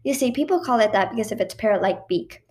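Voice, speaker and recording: A woman's voice: medium pitch, animated, quick pace, darkish tone, lightly acted. A woman reading a story aloud, voicing a cheerful adult man who guides a boat tour, in her own raised voice. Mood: upbeat.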